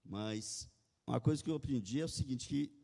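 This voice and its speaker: A man's voice: medium pitch, brisk, creaky, warm tone. A man preaching a sermon, reading scripture aloud and then retelling it, calling for amens as he goes. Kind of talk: sermon with guided imagining. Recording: long hall reverb.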